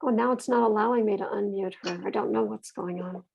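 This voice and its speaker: A woman's voice: mid-range voice, fairly quick, gravelly, darkish tone, husky, highs cut off. A woman co-hosting an online meeting, talking in a puzzled, problem-solving way over a video call. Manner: puzzled, troubleshooting. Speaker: co-host running the video call. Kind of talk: live online meeting talk.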